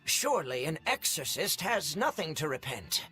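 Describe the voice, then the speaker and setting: Priest, breathy, pleading, bright tone, game music behind. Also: male voice, on the high side, big pitch swings, moderate pace, full character voice. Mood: stern. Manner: pleading, emotional. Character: weeping remorseful male cathedral priest. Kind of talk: game voice acting.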